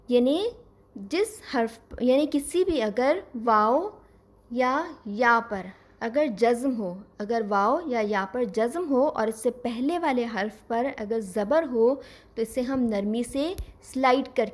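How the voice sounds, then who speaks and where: A woman teaching Quran recitation, explaining patiently step by step and slowing down to model each sound. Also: a little high. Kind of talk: scripted lesson.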